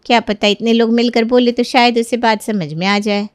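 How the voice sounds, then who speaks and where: A woman's voice: fairly high pitch, fairly even intonation, normal speed, no room sound, studio quality, lightly acted. A woman voicing a caring middle-aged mother in a cartoon story, coaxing and soothing in tone. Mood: consoling. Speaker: Madhu, Sonia's mother.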